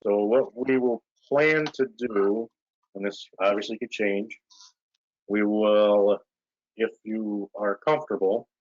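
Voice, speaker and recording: Chairing a village board meeting on a video call, a man with a fairly low voice speaks slowly and casually, rambling and using many fillers. Sound quality is muffled and lo-fi.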